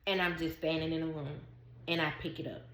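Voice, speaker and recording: Bright-voiced woman telling a story. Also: sits low, brisk, echoey room. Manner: animated, emphatic, talks straight to the viewer. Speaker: vlogger. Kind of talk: casual personal storytelling.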